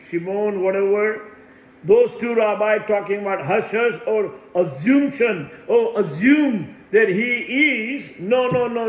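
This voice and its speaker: A man's voice: high-pitched, echoey room, low-quality recording. A man in his sixties giving a rambling religious monologue as a self-proclaimed messiah, insistent and repeating phrases for emphasis. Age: 60s.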